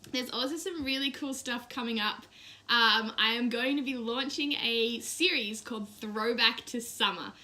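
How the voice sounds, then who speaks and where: A young woman with a bright, sharp tone and a somewhat high voice, chatting casually through a live stream. She snacks as she talks, sometimes with her mouth full, and keeps up a friendly, rambling flow. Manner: chatty, eats snacks while talking. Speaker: YouTuber and English teacher in Japan.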